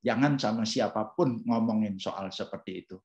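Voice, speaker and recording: A man's voice: fairly low pitch, normal speed. Man in his fifties, lo-fi church talk. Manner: relaxed, conversational, many fillers. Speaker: church speaker sharing testimony. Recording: dull lo-fi sound.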